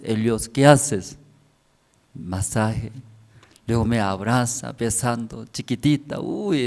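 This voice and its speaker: A middle-aged Korean man preaching a sermon as pastor in broken Spanish with a Korean accent, telling family stories, checking in with listeners and swinging between soft and loud. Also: mid-range voice.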